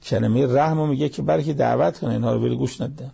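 A man's voice: medium pitch, creaky, mellow, slightly rough. A man preaching a sermon, reciting Arabic verses, explaining them, and pressing listeners with pointed rhetorical questions.

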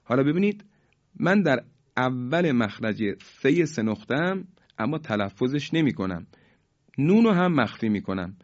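A man teaching a Quran recitation lesson, formal and polite, stretching out each example word slowly. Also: medium pitch, very animated. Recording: dull lo-fi recording.

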